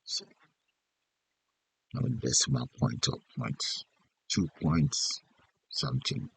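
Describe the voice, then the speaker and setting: A man giving an unscripted software tutorial as an instructor, thinking aloud in short instructional fragments. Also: medium pitch, big pitch swings, takes it slowly, vocal fry, husky. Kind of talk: unscripted step-by-step screen tutorial narration.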